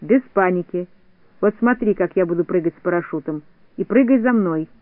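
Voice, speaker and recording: A clever little leader who stays calm and rallies the others, as a man puts him on for a storybook. Steady and firm, heard dry and tinny as over a phone. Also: extremely high pitch, fast, no room sound. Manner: calm, commanding.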